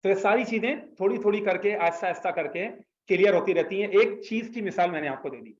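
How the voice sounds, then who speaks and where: A man's voice: high voice, fast. A man teaching an Arabic class, patiently explaining and prompting students to repeat after him. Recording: echoey room, slightly dull sound.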